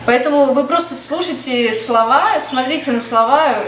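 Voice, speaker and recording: Sitting at her desk in a small indoor room, a Russian-accented woman in her thirties chats openly about being a tutor and parent before reading a list of English words, one at a time, to her webcam in a casual vlog-style lesson. Her voice sits high and fairly bright, at normal speed, but the poor audio is echoey with slight background noise.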